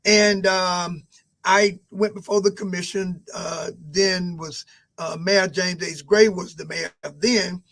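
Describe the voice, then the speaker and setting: A man in his sixties answering interview questions at a measured pace, with frequent pauses and fillers. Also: high voice, steady tone, a bit bright. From Albany, Georgia. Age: 60s. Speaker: mayoral candidate guest.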